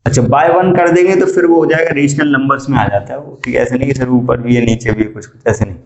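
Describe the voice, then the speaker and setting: A male math teacher lecturing a classroom, quizzing students and repeating key statements slowly. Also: medium pitch, steady tone, muffled recording. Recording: echoey classroom.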